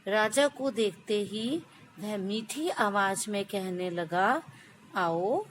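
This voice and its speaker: A woman teaching young children, reading a story aloud slowly and then retelling it and asking simple questions. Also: medium pitch, lively intonation, slight background noise, poor audio.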